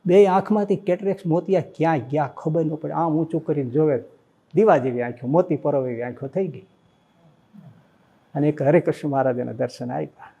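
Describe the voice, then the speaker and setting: A man, a swami, giving a devotional sermon that he tells as a story, with animated and emotional exclamations. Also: a little high, fairly quick, gravelly, breathy edge, lo-fi sound. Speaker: swami preaching.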